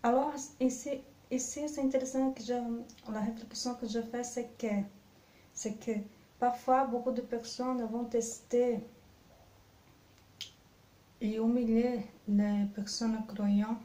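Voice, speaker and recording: A woman with a non-native French accent gives a devotional scripture reading and reflection, speaking slowly with careful pauses. Her voice sits a little high and has a mellow, warm tone. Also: steady tone, roomy sound. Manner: slow, careful phrasing with pauses. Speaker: Bible teacher.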